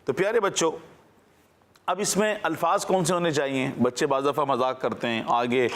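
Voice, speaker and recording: A man's voice: on the high side, fairly even intonation, fairly bright tone. A man presenting on a children's TV show, teaching patiently and quizzing his young listeners in a question-and-answer style.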